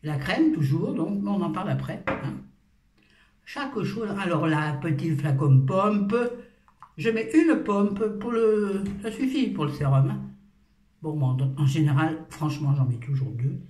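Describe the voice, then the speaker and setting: A woman's voice: fairly low pitch, expressive, a little slow, a little mellow. A woman in her fifties chatting casually and playfully through her skincare routine at home, with self-mocking asides. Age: 50s. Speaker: beauty vlogger. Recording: roomy echo, far from the mic.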